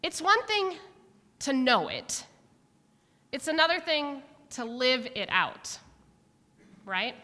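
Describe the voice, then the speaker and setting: A middle-aged woman preaching a sermon in church, reflective and warm, sometimes emotional. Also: fairly high pitch. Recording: long reverb of a church hall.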